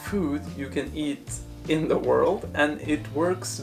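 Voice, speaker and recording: A man's voice: a little high, slow pace, vocal fry, soft background music. A man presenting a casual taste-test review, thinking aloud in hesitant, broken phrases. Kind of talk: casual food review talk to camera.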